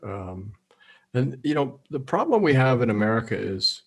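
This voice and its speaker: A middle-aged man from Canada, a guest in a casual interview, speaking calmly and telling stories. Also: medium pitch, moderate pace, vocal fry, breathy edge. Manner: calm, even-keel storyteller who drops in quoted lines. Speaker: guest, negotiation expert.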